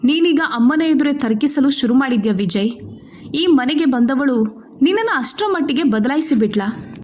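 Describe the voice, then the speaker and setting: Bossy, scheming mother-in-law in a storybook reading, harsh and cold, read by a high-voiced woman. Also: lively intonation, normal speed, a little mellow. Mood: aggrieved. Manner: harsh, scolding.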